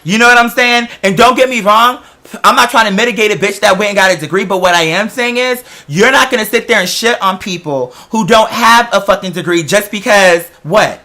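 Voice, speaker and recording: With a high-pitched voice and brisk delivery, this American man rants his way through a story, animated and casual, getting sassy and confrontational with plenty of emphatic slang and cursing.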